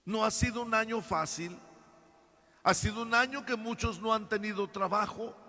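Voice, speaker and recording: A male pastor, preaching a sermon to his congregation with drawn-out emphasis. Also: sits high, bright, forceful tone. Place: church. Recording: echoey church hall.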